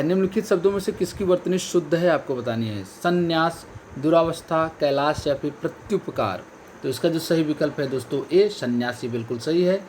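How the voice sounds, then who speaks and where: A man's voice: on the high side, darkish tone, a little hiss or hum. A male coaching teacher giving an online exam-prep lesson, stressing each key word and repeating the correct answer. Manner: addresses viewers as friends and companions.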